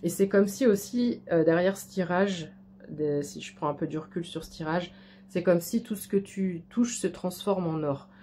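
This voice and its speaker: A woman with a low, mellow voice speaks at a moderate pace as she gives a tarot reading aimed at the viewer. She is warm and reassuring but often stumbles and repeats words, and a little hiss or hum sits in the background.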